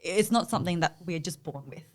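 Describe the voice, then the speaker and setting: An emphatic woman business coach from Australia, whose first language is Vietnamese, answers interview questions as a guest in a motivational vein. Her voice is on the low side and she speaks briskly.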